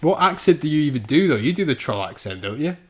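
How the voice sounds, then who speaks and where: A man's voice: fairly high pitch, big pitch swings, fast, darkish tone, roomy sound. A man hosting a livestream, bantering crudely and laughing while drinking. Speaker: livestream host. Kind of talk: casual chat.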